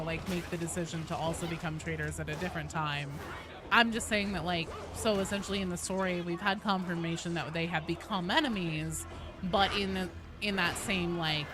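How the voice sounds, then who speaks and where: A woman with a lowish voice hosts a game livestream against a noisy background. She chats casually with viewers and answers them in an animated, playful, conversational manner.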